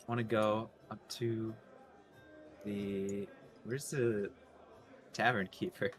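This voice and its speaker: A man's voice: on the low side, little pitch movement, takes it slowly, soft background music. A man speaking casually as a player in a tabletop role-playing game, narrating his character's actions and lines.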